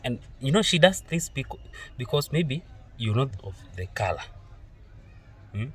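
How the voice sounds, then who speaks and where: A man's voice: mid-range voice, big pitch swings, moderate pace, breathy edge, recorded from a distance. A man hosting a reaction video, rambling and correcting himself as he comments. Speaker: host.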